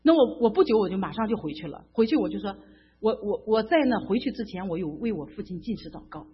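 Husky middle-aged woman giving fervent testimony. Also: medium pitch, animated, fast. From mainland China. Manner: emotional, fervent, repeats herself with stammered restarts. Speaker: church member giving testimony. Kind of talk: personal faith testimony. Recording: dull lo-fi recording.

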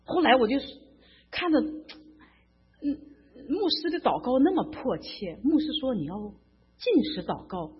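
A woman's voice: high voice, sing-song, measured pace, pauses often. A middle-aged woman from mainland China giving an emotional, fervent personal faith testimony, often stammering and repeating herself. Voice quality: husky. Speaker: church member giving testimony. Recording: dull lo-fi recording.

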